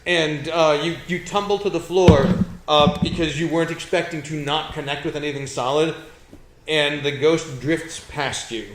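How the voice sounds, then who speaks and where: A man running a tabletop game as game master, narrating off the cuff with halting, improvised phrasing. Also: a little high, steady tone, heavy background noise. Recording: echoey room.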